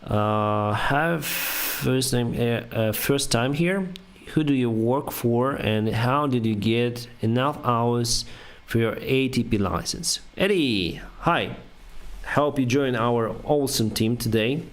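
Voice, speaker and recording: On a casual live stream, a young airline pilot whose first language is Russian reads out viewers' questions from chat and answers them. His English is halting and full of fillers, and his pitch is medium.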